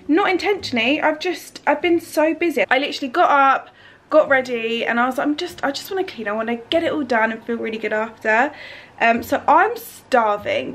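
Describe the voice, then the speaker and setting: Filming herself on a phone held at arm's length, a young lifestyle vlogger chats upbeat to camera around her bright kitchen and bedroom at home, peppering her talk with "like" and "um". Her voice sits high, and there's slight background noise.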